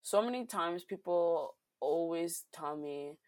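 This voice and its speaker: A woman's voice: fairly low pitch, slow pace, no echo. A teenage girl from Rhode Island, a youth activist guest, answering interview questions earnestly and retelling conversations with friends. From Rhode Island, USA. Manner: earnest, storytelling, quotes friends in lively voices.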